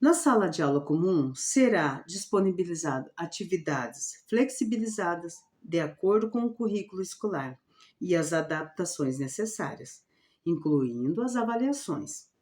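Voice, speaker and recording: A woman teacher explaining her reading lesson plan for a student, often checking in with a quick question. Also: on the low side, sing-song, darkish tone. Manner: repetitive, checks in with "certo?". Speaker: special education teacher.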